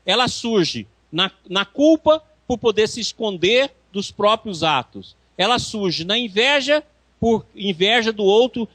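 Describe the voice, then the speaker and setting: A man's voice: high-pitched, no echo. A man with a Brazilian accent giving a spiritual course lecture, emphatic and full of rhetorical questions. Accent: Brazilian Portuguese. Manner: emphatic, rhetorical questions, acts out quoted speech.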